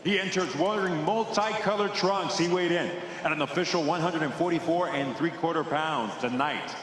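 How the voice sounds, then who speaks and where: A high-voiced man calls fighters into the cage, stretching each name out with theatrical flair. His voice rings through a large arena with a long, echoing reverb and steady background noise. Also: moderate pace. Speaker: ring announcer. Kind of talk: booming fighter introductions.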